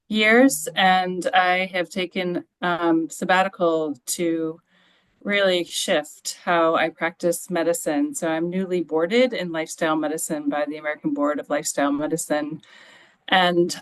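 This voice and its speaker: A woman introduces herself over a video call with warmth and enthusiasm. Her voice sits slightly low, and she uses ums along the way. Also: poor audio. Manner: warm, enthusiastic, with fillers. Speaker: family medicine professor.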